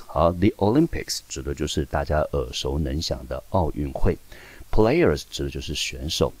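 Deep-voiced Taiwanese male teacher. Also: darkish tone, slightly rough, no room sound. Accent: Taiwanese Mandarin. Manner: explains step by step, often asks and answers his own questions. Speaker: English teacher. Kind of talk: recorded classroom lesson. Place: high school teaching video.

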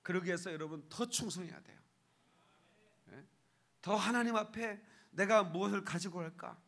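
A man's voice: high-pitched, moderate pace, creaky, a bit bright. A man, a pastor, preaching a sermon to his congregation in a church, talking casually and keeps asking for their agreement, with sudden raised bursts of emphasis. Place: church sanctuary.

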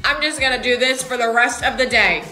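A woman's voice: on the high side, a little fast, sharp tone, soft background music. A young woman acting out a comedic skit with over-the-top, dramatic reactions. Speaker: skit creator.

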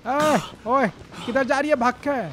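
A man giving excited let's-play commentary on a horror game, shouting, taunting and joking at the enemies chasing him. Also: very high-pitched, measured pace, slight background noise.

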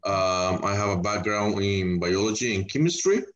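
Deep-voiced man from El Salvador. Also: moderate pace. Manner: relaxed, rambling, many fillers. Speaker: winemaker guest. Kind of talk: casual podcast interview. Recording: dull lo-fi audio.

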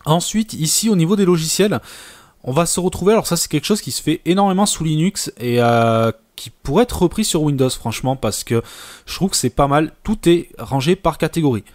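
A man presenting a casual computer tutorial over a screen recording, relaxed and full of hesitations. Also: fairly high pitch, fairly quick, dry recording, studio quality. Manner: relaxed, many filler hesitations.

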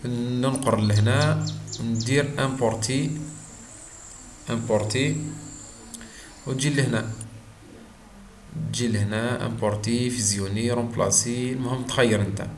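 Hesitant Algerian man teaching software. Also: medium pitch, steady tone. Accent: Algerian Arabic. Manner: hesitant, frequent drawn-out fillers, mixes in French terms. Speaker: software instructor. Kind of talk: screen-recorded software tutorial. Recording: roomy echo with faint background noise.

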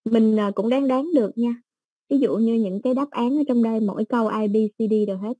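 A woman teaching an English exam-prep lesson, explaining slowly with everyday examples and many fillers. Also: fairly high pitch, warm tone, slightly rough, dry recording, dull audio.

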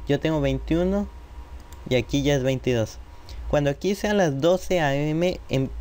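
Recorded through a noisy home computer microphone, a male tutorial presenter narrates his screen recording step by step and talks straight to his audience. The voice is on the high side, a little mellow, clear and resonant.

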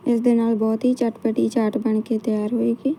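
A woman with a Punjabi accent narrates a home recipe in calm, steady steps. Her voice is very dark and mellow, sitting slightly high, with a flat, even delivery. A faint hiss of noise sits behind her. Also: normal speed, poor audio. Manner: calm step-by-step instruction. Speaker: cooking channel host. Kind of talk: cooking tutorial narration.

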